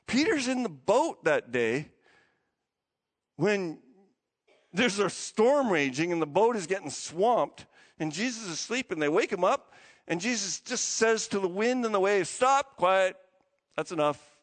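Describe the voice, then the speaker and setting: A man, a pastor giving a sermon in a chatty, storytelling way. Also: high-pitched. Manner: conversational, animated storytelling. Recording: long church hall reverb.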